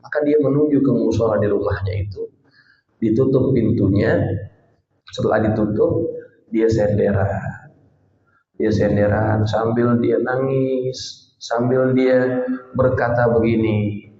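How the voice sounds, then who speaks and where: Slow, deliberate male preacher telling a story. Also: mid-range voice, fairly even intonation, mellow. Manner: addresses congregation directly, dramatic pauses. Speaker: Islamic preacher. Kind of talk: storytelling sermon. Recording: roomy, slightly muffled hall recording.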